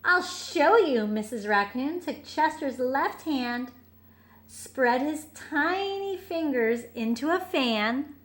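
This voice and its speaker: A female storyteller with a high-pitched, expressive voice reads a picture book to young children, pausing for simple explanations and questions.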